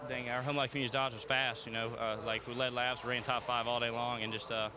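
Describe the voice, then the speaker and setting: Fast, halting young male racing driver. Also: mid-range voice, level tone. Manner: halting, repetitive, plain-spoken. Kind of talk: unscripted trackside interview. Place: outdoors at a racetrack. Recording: crowd and vehicle noise behind.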